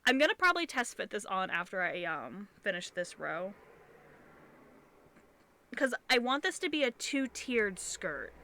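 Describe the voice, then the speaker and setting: A woman's voice: medium pitch, big pitch swings, measured pace, pauses often, sharp tone, a little hiss or hum. A young adult woman streaming, chatting casually while she sews and thinking aloud in a chatty, repetitive way. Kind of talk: casual live-stream chat while sewing.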